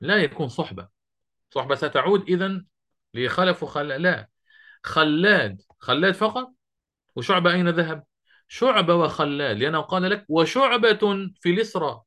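A middle-aged man teaching Quran recitation to a class, quizzing students and slowly quoting verse lines. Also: on the high side, animated, sharp tone. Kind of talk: classroom lesson.

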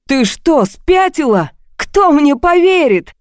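Brief: a woman doing a frantic young man in an audiobook, pleading, voice jumping high, mellow dry tone. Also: animated, normal speed, no room sound, lightly acted. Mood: panicked. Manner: panicky, pleading, shouting. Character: desperate young man who just killed someone.

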